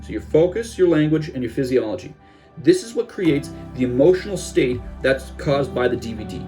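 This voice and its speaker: A man's voice: mid-range voice, very animated, moderate pace, mellow, faint music behind. A young man, a self-help coach, giving a casual instructional talk and now and then dropping into gloomy voices of the listener's thoughts.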